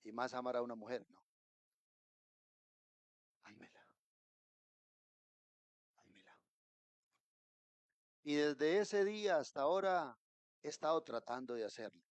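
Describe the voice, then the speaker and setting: A man with a Colombian accent preaching a sermon as pastor, telling a story that swings from hushed asides to loud, emphatic calls to the congregation. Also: mid-range voice, expressive, a little fast, dry recording. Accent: Colombian Spanish. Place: church.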